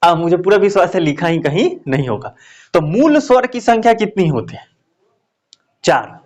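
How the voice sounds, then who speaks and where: A man's voice: high voice, big pitch swings, normal speed. A man teaching a grammar lesson step by step. He asks questions and answers them himself, checks in with the class often, and draws out vowel sounds to show them. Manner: explains step by step, repeats key answers as questions.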